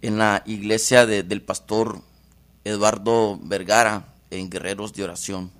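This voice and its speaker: A man from El Progreso, Honduras, an evangelist preacher, appears as a guest in a radio interview, speaking devoutly and in a measured way. His voice is fairly low, a bit bright, level in tone, and a little slow.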